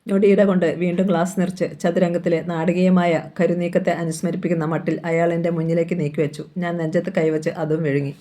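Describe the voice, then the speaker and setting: Woman reading a novel out loud, low mellow voice, steady and expressive. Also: brisk, few pauses. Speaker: audiobook reader.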